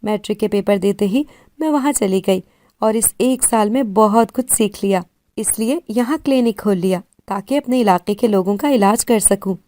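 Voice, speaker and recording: Self-assured teen girl, calm explainer, soft dark tone; a woman narrator voices her. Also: medium pitch, no echo, clean studio sound, lightly acted. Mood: explaining. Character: confident fifteen-year-old girl running a clinic.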